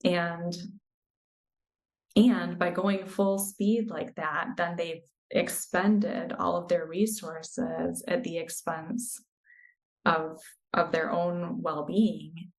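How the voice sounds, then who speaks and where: A woman in her thirties, a coach speaking as a podcast guest, explaining in an earnest, measured way. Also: fairly low pitch, fairly even intonation, poor audio. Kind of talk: interview conversation.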